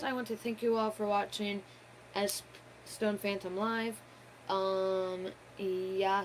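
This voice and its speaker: A woman's voice: mid-range voice, slight background noise, low-quality recording. A woman hosting a gaming channel, giving an unscripted live-stream game theory talk, rambling with many fillers and self-corrections.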